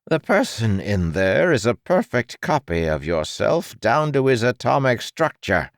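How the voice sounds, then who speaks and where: A man narrating an audiobook and voicing a smug, gleeful villain doctor with a theatrical, condescending, drawn-out delivery. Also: lowish voice, gravelly, no room sound, studio quality, voice pushed up, full character voice. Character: gleeful, smug mad-scientist villain doctor, verbose and mocking.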